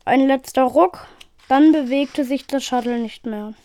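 A woman reading an adventure novel aloud in a steady storytelling manner. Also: sits high, unhurried. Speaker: reader.

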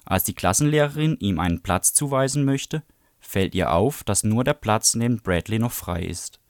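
A man presenting a book and reading a passage aloud in an even, measured storytelling manner. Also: lowish voice, no room sound, studio quality. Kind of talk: book review and read-aloud.

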